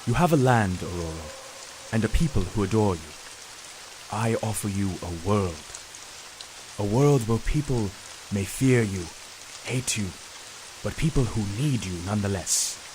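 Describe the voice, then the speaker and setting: A man playing a grave, persuasive professor in an audio drama, measured, formal and earnest. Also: on the low side, expressive, background noise. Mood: solemn, persuasive. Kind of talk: scripted audio drama acting.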